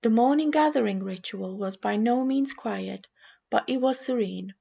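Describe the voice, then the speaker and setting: Gravelly-voiced Romanian-accented woman preaching. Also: fairly high pitch, dark tone. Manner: measured, reflective delivery with small restarts. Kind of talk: sermon with Bible reading.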